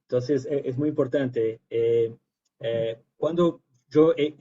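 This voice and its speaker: A Brazilian man with a Portuguese accent giving informal academic remarks in Spanish mixed with Portuguese, haltingly searching for words as a native Portuguese speaker. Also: mid-range voice, warm tone. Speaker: guest lecturer. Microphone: video call. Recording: dull lo-fi online call.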